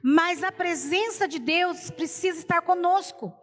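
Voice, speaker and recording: A woman's voice: very high voice, a little slow, fairly bright tone, long reverb tail, faint music behind. A woman preacher giving an emotional personal testimony in a sermon, retelling the story with many repeated quotes, speaking Brazilian Portuguese. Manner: storytelling, repeats "falei assim".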